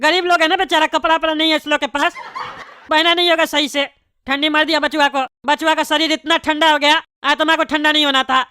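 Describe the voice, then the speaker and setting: A woman's voice: high-pitched, level tone, fairly quick, bright, forceful tone, no room sound. A woman voicing a bald, pompous male neighbourhood politician in a cartoon comedy, bossy and rambling. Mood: consoling. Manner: bossy, rambling, tactless consoling.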